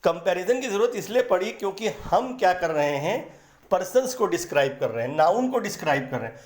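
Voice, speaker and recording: A man teaching English grammar in a patient, explanatory way, repeating words slowly to break them into syllables. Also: high-pitched, big pitch swings, echoey room. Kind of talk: explanatory lesson in Hindi.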